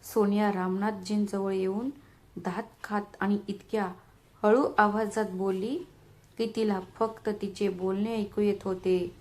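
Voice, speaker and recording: A woman narrating a family story in a steady, dramatic storytelling manner. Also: medium pitch, a little slow.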